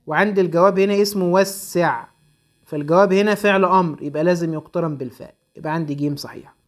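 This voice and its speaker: A young man with an Egyptian accent, teaching an Arabic grammar lesson and working briskly through exam exercises, slowing to stress each answer. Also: sits high. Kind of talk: recorded exam-prep lesson.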